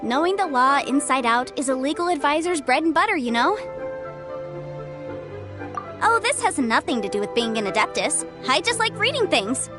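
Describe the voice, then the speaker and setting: A female performer voices a smart, assured young legal advisor for a video game, keeping things crisp and lightly amused. Her high voice has lively intonation and moves fairly quickly with few pauses, all over music.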